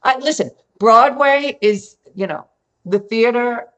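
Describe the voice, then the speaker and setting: A woman guest on a podcast, telling a story in a lively, effusive way and repeating phrases for emphasis. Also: on the high side, slow pace. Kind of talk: conversational storytelling.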